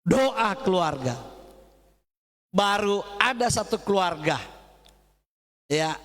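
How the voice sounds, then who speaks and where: A middle-aged man preaching a sermon, telling a personal testimony in an animated way, swinging from loud to hushed. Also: sits high, slow. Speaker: pastor. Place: church hall. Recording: church hall reverb.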